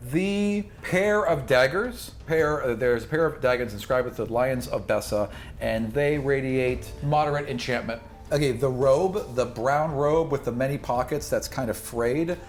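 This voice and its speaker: This game master, a man with a mid-range voice, narrates his tabletop role-playing session in a loose, improvised way full of casual asides.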